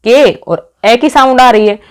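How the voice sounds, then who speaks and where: A woman's voice: on the high side, a little slow. A woman teaching an exam-prep phonetics lesson. She calls her students friends, asks questions and answers them herself, and reads out example words one by one.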